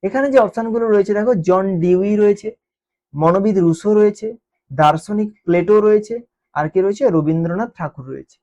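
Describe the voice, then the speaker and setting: A woman teacher explaining exam questions, repeating key terms and checking in with quick questions to students. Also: medium pitch, dark tone. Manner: repeats key terms and keeps asking "ঠিক আছে?". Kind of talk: exam-prep lesson explanation. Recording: dull lo-fi recording.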